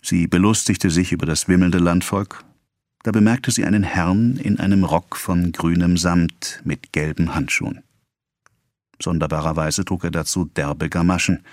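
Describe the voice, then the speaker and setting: A man reading a novel aloud as narrator, in an even, measured way. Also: sits low, dry recording. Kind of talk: scripted audiobook narration.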